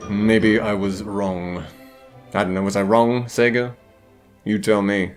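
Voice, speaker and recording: A man with a lowish, steady voice speaks slowly, narrating a scripted comedic video essay in a wordy, theatrical, sarcastic style. Background music plays behind him throughout.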